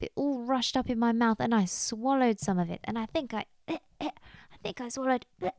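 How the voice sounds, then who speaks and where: A woman's voice: a little high, a little mellow, dry recording, clean studio sound, voice pushed up, close to an everyday voice. A woman voicing a panicky little boy bunny in a storybook, with a squealing, breathless, fretful voice.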